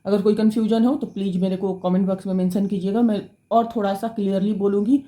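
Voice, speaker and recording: A woman gives a fast tarot reading straight to her viewers, often correcting herself as she goes. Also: mid-range voice, fairly even intonation, mellow, roomy sound. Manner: rapid, self-correcting, addresses viewers directly. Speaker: tarot reader.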